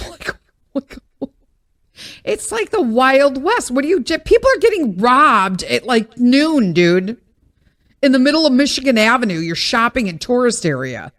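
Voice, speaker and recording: A woman's voice: high voice, big pitch swings, unhurried. A woman, hosting a podcast in a casual, rambling monologue full of blunt, exasperated asides. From Chicago, USA. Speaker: podcast host.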